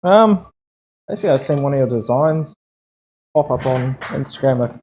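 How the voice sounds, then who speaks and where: Lively-pitched man over background noise. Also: normal speed, rough recording. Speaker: tattoo client. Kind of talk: casual chat, brief replies.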